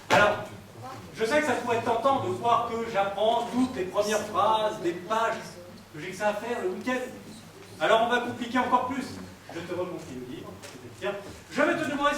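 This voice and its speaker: A man performing a live mentalism act on stage, teasing and joking with volunteers from the audience. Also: very high voice. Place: theater stage before an audience. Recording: echoey hall recorded from far off, with crowd ambience.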